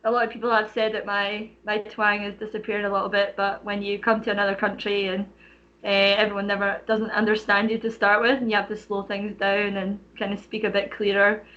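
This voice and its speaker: A woman's voice: mid-range voice, completely flat delivery, fairly quick, a bit bright. Chatty Canadian woman, lo-fi audio. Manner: chatty, frequent "like" and "you know" fillers. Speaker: podcast guest, personal trainer. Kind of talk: casual interview chat.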